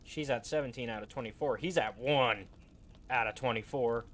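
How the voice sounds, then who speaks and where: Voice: medium pitch, normal speed, a bit bright, slight background noise. A game player giving casual, rambling commentary and recapping the story informally. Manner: rambling, acts out quotes informally.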